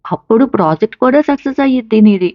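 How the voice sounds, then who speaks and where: A woman's voice: a little high, animated, quick pace, no echo, lo-fi sound, close to an everyday voice. A woman voicing a caring mother who patiently encourages her college-age son. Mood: encouraging. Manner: patient, coaxing, reassuring.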